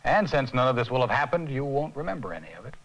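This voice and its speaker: A man in a 1980s educational film, calmly asking questions as a guiding figure. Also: medium pitch, quick pace, highs cut off. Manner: calm, gently questioning. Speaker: guide figure in a training film.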